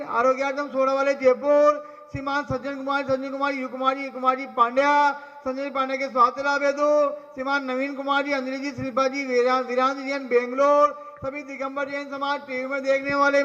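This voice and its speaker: A man's voice: extremely high pitch, completely flat delivery, brisk, sharp tone. A man announcing at a temple ritual, rattling off a long list of donor names and blessings. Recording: echoey temple hall, dull lo-fi sound.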